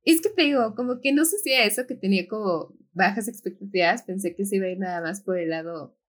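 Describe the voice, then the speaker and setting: Lively woman, casual podcast chat. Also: medium pitch, quick pace. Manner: animated, laughs often, many fillers. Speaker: podcast co-host.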